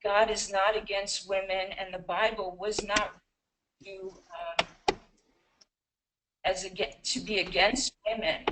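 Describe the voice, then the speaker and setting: A woman's voice: medium pitch, background noise. A woman taking part in a webinar, speaking earnestly on a group call. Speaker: webinar participant.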